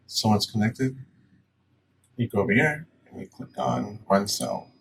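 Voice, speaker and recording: A low-voiced man walks through software steps in a plain-spoken, instructional way, like a casual tutorial presenter. His gravelly voice swoops wildly in pitch at an unhurried pace. He sounds far from the mic, with faint noise behind him.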